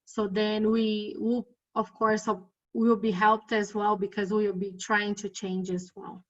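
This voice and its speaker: Woman in a study group, slow and unsure, keeps hunting for words, kinda muffled recording. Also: mid-range voice, little pitch movement. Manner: hesitant, searching for words, many fillers. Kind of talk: casual spiritual study discussion. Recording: dull lo-fi audio.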